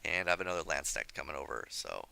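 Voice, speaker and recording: A slightly hoarse young man commenting on his strategy game as he plays, chatty and scolding himself for his mistakes. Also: a bass voice, very animated, fast talker, bright, forceful tone. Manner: self-critical, chatty, thinking aloud. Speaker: gameplay commentator. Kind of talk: let's play commentary.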